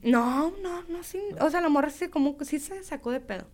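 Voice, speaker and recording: Young sinaloan woman, bit high voice, slangy animated storytelling, does the voices. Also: moderate pace. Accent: Sinaloan Mexican Spanish. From Sinaloa, Mexico. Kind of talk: casual storytelling chat.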